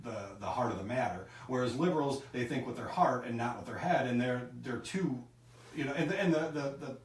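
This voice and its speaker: A man's voice: mid-range voice, brisk, echoey room, far from the mic. A man co-hosting a casual live podcast, easygoing and teasing, hesitating with fillers. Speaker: podcast co-host.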